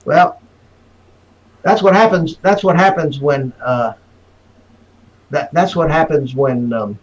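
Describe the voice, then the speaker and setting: A man hosting a casual livestream chat, his voice hollow and boomy as if he were inside a barrel because a webcam mic picks him up from across the room. He rambles and fumbles with his gear. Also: slow, lo-fi sound. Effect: hollow, boomy sound as if inside a barrel. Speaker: livestream show host. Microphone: webcam microphone picking him up from across the room.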